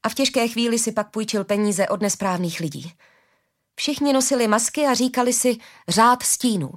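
Calm, determined heroine telling her past, voiced by a woman reader. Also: a little high, voice pushed up, natural voice.

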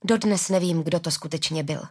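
Calm, determined heroine telling her past, voiced by a woman reader. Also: low voice, husky.

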